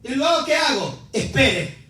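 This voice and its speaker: A male pastor preaching a sermon, shouting refrains and calling on the congregation to answer. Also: very high-pitched, unhurried, faint music behind. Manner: animated preaching, shouting refrains, calls for responses. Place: church sanctuary. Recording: echoey church hall, mic at a distance.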